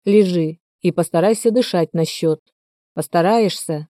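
A woman voicing a calm, stern uncle who speaks in measured, quietly authoritative tones. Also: lowish voice, no room sound, studio quality, close to an everyday voice.

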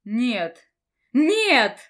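A woman voicing a grieving young woman who cries out in loud pleas. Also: high-pitched, lively intonation, slow. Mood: desperate.

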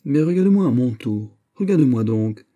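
A male reader voicing a vain, excitable young prince in an audiobook. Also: medium pitch, normal speed, pitched above the performer's own voice, natural voice. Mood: petulant. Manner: fussy, excitable, self-admiring. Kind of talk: audiobook character reading.

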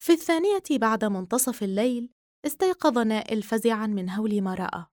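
A woman narrating an audiobook novel in a measured literary manner. Her voice is fairly high. The recording is dry and close. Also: lively intonation, darkish tone, no echo. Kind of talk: scripted narration.

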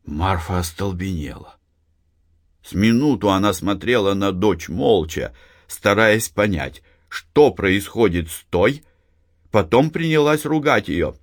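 Male audiobook narrator, lowish voice, lively expressive delivery, dry close sound. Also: unhurried, dry recording. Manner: expressive storytelling. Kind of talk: audiobook reading.

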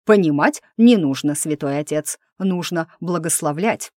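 A woman's voice: sits low, measured pace, a little mellow, no room sound, studio quality. A woman reading the part of an impatient, domineering lord who gives curt commands, in an audiobook.

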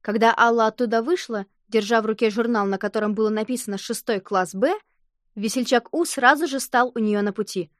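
A woman narrating a children's story aloud in a lively storytelling manner. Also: fairly high pitch, quick pace, few pauses, no room sound, studio quality. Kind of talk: audiobook reading of a children's story.

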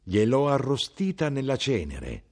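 Man doing a high-voiced peasant wife. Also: huge pitch swings, darkish tone. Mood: admiring, humble. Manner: high, exclaiming, slow. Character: poor peasant wife, middle-aged woman, admiring.

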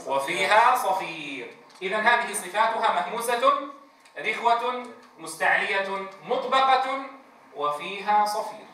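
A man's voice: sits high, expressive, pushed and bright. A man teaching Quran recitation, drawing out letter sounds for a class to repeat and quizzing them on each letter. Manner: drawn-out demonstrations of letter sounds, asks the class questions. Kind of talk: tajweed lesson with call-and-response drills. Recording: echoey room, distant mic, faint noise.

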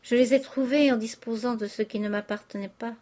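A woman's voice: a little high, steady tone, fairly quick, a little mellow, close to an everyday voice. A woman reading aloud, voicing a distraught young aristocratic wife making a tearful confession. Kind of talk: audiobook character reading.

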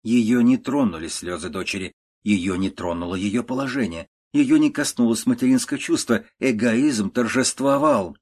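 A man narrating a classic prose story in a measured, even audiobook reading. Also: medium pitch, slightly rough.

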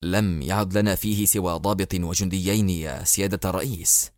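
A man voicing a deferential male war minister, speaking low, hushed and respectful. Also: steady tone, fairly quick, no echo, clean studio sound, lightly acted.

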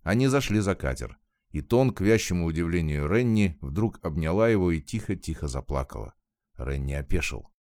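Deep-voiced man reading an audiobook. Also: expressive, normal speed, darkish tone, no echo, studio quality. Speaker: narrator. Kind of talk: audiobook narration.

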